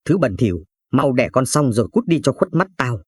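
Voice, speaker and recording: A man's voice: mid-range voice, sing-song, fairly quick, a little mellow, husky, no room sound, clean studio sound. A man voicing a jealous, spiteful young wife in a narrated story, with a sneering, cutting manner.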